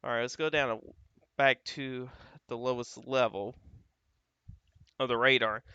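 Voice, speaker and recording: A man hosts a live weather stream, talking through radar images in a loose, conversational way. His voice is bright and clear, with a dry, close sound. The audio is a little dull, like a home livestream mic. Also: medium pitch, steady tone, measured pace, dry recording. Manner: casual, thinking aloud, frequent "uh" and "you got".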